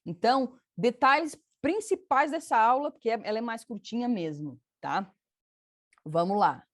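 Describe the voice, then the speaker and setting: A woman's voice: a little high, lively intonation, unhurried, no echo, studio quality. A woman from Brazil, teaching a casual online English lesson, chatty and patient, often checking in with her students and repeating examples.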